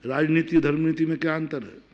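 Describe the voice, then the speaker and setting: Emphatic Indian Jain monk preaching. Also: male voice, fairly high pitch, little pitch movement, fairly quick, lo-fi sound. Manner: emphatic, rhetorical questions, swinging between loud and hushed. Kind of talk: sermon.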